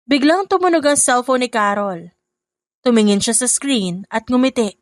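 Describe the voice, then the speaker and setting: Higher-voiced woman narrating a drama. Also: expressive, no echo. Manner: measured, descriptive storytelling. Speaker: storyteller.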